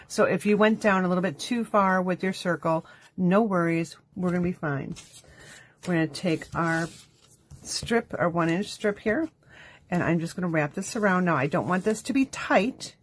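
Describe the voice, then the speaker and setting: A woman's voice: on the low side, breathy edge. A woman hosting a live crafting demo, talking chattily step by step while losing her voice. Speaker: craft show host. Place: home craft studio.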